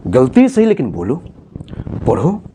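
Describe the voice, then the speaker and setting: A man's voice: medium pitch, wildly swooping pitch, a little slow, mellow, slight background noise. Male teacher, encouraging, motivational, asks checking questions. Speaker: teacher and counselor. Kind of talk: motivational talk to a student.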